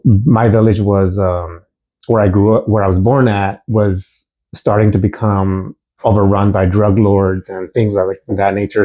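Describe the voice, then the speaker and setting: A man's voice: fairly low pitch, mellow. A man from Houston, originally from Mexico, chatting casually as an interview guest, easygoing with many restarts. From Mexico, raised in Houston, Texas.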